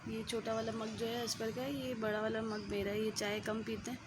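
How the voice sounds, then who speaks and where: A woman's voice: a little high, little pitch movement, moderate pace. A young woman chatting casually in a home vlog, then soothing and coaxing her child. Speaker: vlogger. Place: home bedroom. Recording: noisy home recording.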